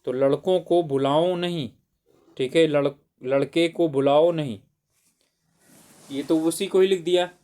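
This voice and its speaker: Hindi tutor asking then answering himself. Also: male voice, on the high side, a little slow, pauses often, warm tone, clean tone. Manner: asks questions then answers them himself; often says "theek hai". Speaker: teacher. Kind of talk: exam-prep Hindi grammar lesson.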